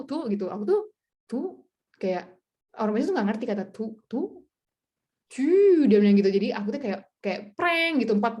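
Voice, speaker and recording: A young adult woman speaking as a guest tutor in a casual webinar talk over a video call, chatty and animated, laughing often and acting out other people's replies. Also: medium pitch. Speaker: guest speaker, French tutor and content creator.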